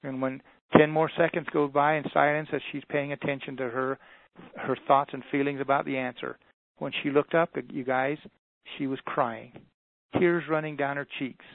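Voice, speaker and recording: A man speaking as a motivational speaker, telling a story and acting out the dialogue while he pitches a coaching package. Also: fairly even intonation, normal speed, gravelly, no room sound. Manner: storytelling, voices quoted dialogue. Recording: tinny phone-like audio, dry.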